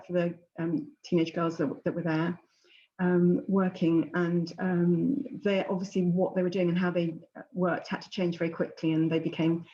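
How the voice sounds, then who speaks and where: An older woman presenting an unscripted update on a video call, speaking haltingly and hesitantly. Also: on the low side, warm tone, slight background noise. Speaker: presenter at an online charity event. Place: plain room indoors. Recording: dull video-call sound.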